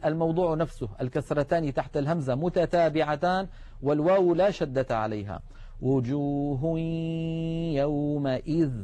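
A man teaches recitation rules in a steady, explanatory way, drawing out example words slowly. His voice sits a little high for a man. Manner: measured, explanatory, slows to spell out examples. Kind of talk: televised tajweed lesson.

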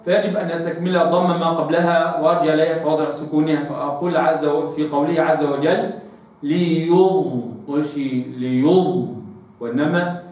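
A man teaching Quran pronunciation, stretching out each model word slowly between brisk explanations. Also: on the high side, little pitch movement, darkish tone, recorded from a distance. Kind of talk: tajweed pronunciation lesson. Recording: very echoey room, voice off-mic.

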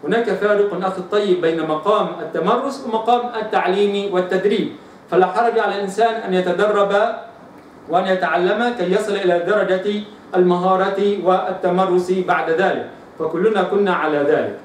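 A high-pitched Egyptian man gives a recitation lesson, repeating letter sounds slowly as drills. His voice rings in a very echoey room, heard from some distance with faint noise behind. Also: fairly even intonation. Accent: Egyptian Arabic. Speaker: Quran recitation teacher.

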